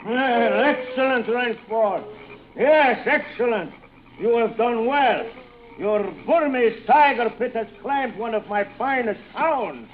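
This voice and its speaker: An actor playing a gloating, courtly general who hunts people, slow and mockingly polite, in a vintage radio suspense drama. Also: male voice, extremely high pitch, animated, slight background noise, full character voice. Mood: smug, amused. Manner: slow, suave, mockingly polite, savouring each phrase. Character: gloating, courtly villainous general hunting human prey. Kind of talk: 1940s radio suspense acting. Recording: muffled old radio broadcast, phone-like, music behind.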